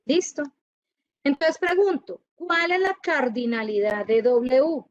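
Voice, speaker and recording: A woman teaching a university class, lively and often checking whether her students follow. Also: high-pitched, takes it slowly, dry recording, lo-fi sound. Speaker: university lecturer. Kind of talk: classroom lecture.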